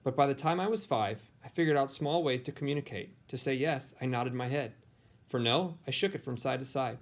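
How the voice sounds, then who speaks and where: Speaking a little fast in a mid-range voice, this American-accented teacher gives an informal introduction before reading a picture book aloud.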